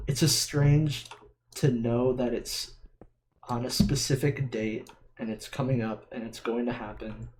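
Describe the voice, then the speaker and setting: The recording is rough, capturing a young man's medium-pitched, level, slightly mellow voice as he chats unhurriedly and hesitantly during a video game. He's a vlogger with a slight S lisp, at his computer in a dim room at home, with keyboard and mouse clicks behind him.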